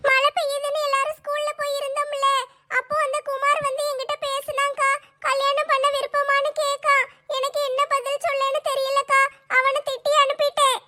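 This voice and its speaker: A woman's voice: extremely high pitch, completely flat delivery, a little fast, bright, forceful tone. A woman voicing a shy, tearful young woman who speaks in a hesitant, pleading way. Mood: anxious.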